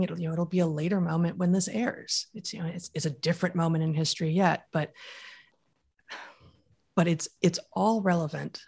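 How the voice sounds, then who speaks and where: This podcast guest has a dark, husky mid-range voice with vocal fry. Answering interview questions at length, he explains things in a reflective, lecture-like way, constructing each point gradually.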